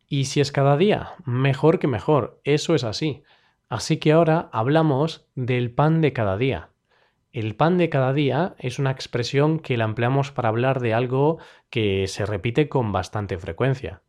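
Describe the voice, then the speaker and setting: A Spanish man with a Spanish accent hosts a daily podcast teaching Spanish expressions, presenting a scripted explanatory lesson. His delivery is clear and measured with light humor, and his voice is medium-pitched and a little mellow.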